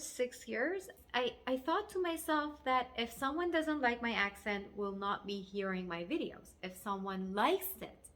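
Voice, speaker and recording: A woman speaks to the camera in a slightly high, somewhat bright voice with a Persian accent; Farsi is her first language. As a life coach and video host, she gives an earnest, encouraging motivational talk with plenty of emphasis.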